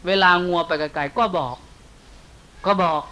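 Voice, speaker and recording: A monk preaching a sermon with an Isan Thai accent, telling a folk story in folksy speech and softening his voice for quoted lines. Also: fairly high pitch, steady tone, a little slow. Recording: faint hiss.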